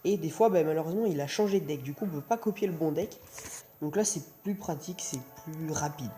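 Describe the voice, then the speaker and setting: A young man with a very dark, mellow voice talks over music, casually commentating as a gaming host. He rambles and corrects himself, speaking with a mouth still sore after wisdom teeth surgery. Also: a little high, fairly quick. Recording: music playing behind the voice.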